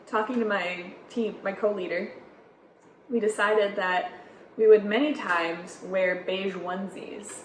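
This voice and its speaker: A woman's voice: medium pitch, steady tone, unhurried. A young woman co-hosting a casual comedy chat, giggly and rambling with lots of fillers. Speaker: co-host. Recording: echoey room with faint noise.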